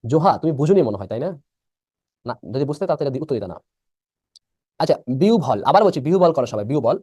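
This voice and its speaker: A man's voice: fairly high pitch, expressive, racing, warm tone, no echo, studio quality. A young man teaching a live online class. He repeats each rule and keeps quizzing his students with questions. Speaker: admission-prep teacher.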